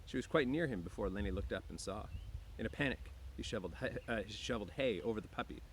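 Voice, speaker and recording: With a low-leaning voice, lively intonation, and a fast pace, this easygoing teacher chats with students and reads from a book outdoors by the woods. Frequent throat clearing punctuates his speech, and clear outdoor background noise can be heard.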